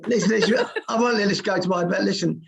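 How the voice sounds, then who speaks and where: An older man with a hoarse voice that is giving out, chatting casually as a guest. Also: high-pitched, quick pace. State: hoarse, losing his voice. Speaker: guest, football goalkeeping coach. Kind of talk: casual chat. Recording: dull, muffled call audio.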